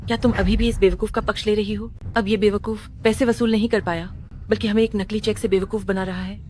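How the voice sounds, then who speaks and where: A woman's voice: mid-range voice, flat delivery, brisk, a little mellow, slight background noise, close to an everyday voice. A woman dubbing a greedy relative who taunts and accuses her family. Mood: taunting. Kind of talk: Hindi dub of a drama.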